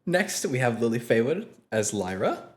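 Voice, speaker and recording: A man hosting a tabletop game stream as game master, excitable and self-deprecating. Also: medium pitch, moderate pace.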